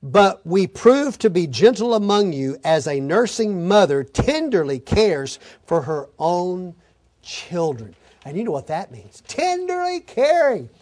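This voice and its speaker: A man's voice: high-pitched, lively intonation, unhurried, a little mellow. A man preaching an expository sermon, reading scripture aloud and then explaining it with folksy stories and asides.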